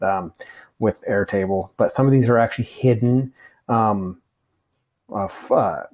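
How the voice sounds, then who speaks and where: A man narrates a screen-recorded software lesson in a relaxed, conversational way, pausing with ums and uhs as he walks through each step. His voice is starting to wear from long talking. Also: medium pitch, creaky. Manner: casual, fillers, talks through on-screen steps. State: losing his voice. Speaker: course instructor.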